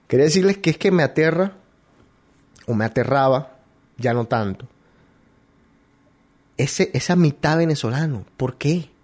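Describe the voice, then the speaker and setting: A man from Colombia hosting a talk show, musing out loud in a rambling way with many restarts. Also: a little high. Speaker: radio show host. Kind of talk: casual opinion monologue.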